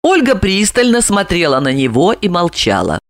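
Woman narrator, lively melodic reading, dry close recording, audiobook narration. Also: lowish voice, moderate pace, no echo. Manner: expressive storytelling. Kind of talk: scripted narration.

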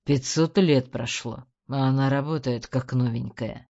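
A woman voicing a cruel, mocking middle-aged male crime boss in an audiobook, speaking in a slow, low sneer. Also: dark tone, exaggerated voice. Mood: cold, satisfied. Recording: dull lo-fi recording.

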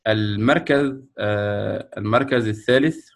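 Egyptian man, lowish voice, hosts an online award ceremony, halting delivery full of fillers. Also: creaky. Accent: Egyptian Arabic. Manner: slow, hesitant, many fillers and restarts. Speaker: ceremony host announcing winners. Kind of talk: ceremony announcement. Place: online video call presenting a screen.

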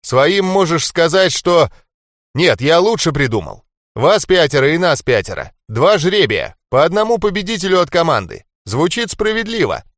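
Brash jeering bruiser, put on by a male audiobook reader, pitched up, bouncy delivery. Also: very animated, normal speed, dry recording, clean studio sound. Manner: loud, jeering, laughing taunts. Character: brash cocky swearing male fighter, mocking. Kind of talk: audiobook character voice.

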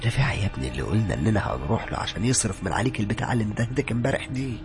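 A man voicing a joking, superstitious young male coworker with an Egyptian accent, loud and excitable. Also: lowish voice, racing, over music, voice pushed up. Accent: Egyptian Arabic.

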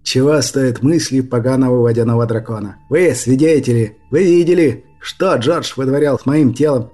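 A man's voice: mid-range voice, normal speed, warm tone, faint music behind, close to an everyday voice. Man doing an indignant grumbling dragon. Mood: blustering. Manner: aggrieved, blustering. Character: big grumpy young male dragon, indignant complainer. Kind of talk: audiobook character voice.

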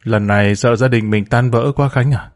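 A man's voice: mid-range voice, steady tone, normal speed, soft background music, close to an everyday voice. A man reading as a bitter student daughter. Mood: blunt.

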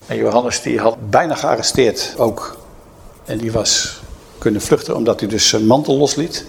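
A man's voice: mid-range voice, moderate pace. A middle-aged man preaching in a conversational, storytelling way, often adding tag questions. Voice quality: creaky. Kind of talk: sermon retelling a Bible story.

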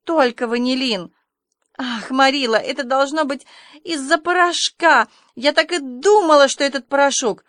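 Brief: a woman reads a high, overwrought orphan girl, tearful and pleading, in a dry, close audiobook recording. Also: moderate pace, fairly bright tone, dry recording. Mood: distressed, then eager. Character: excitable, dramatic orphan girl, tearful and remorseful. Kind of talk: audiobook reading.

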